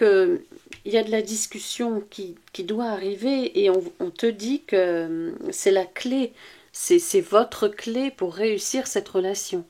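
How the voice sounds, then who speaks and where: In a mellow, mid-range voice, a woman offers an informal relationship reading as an intuitive coach, addressing the listener directly. She's reassuring but halting and repetitive, often searching for words.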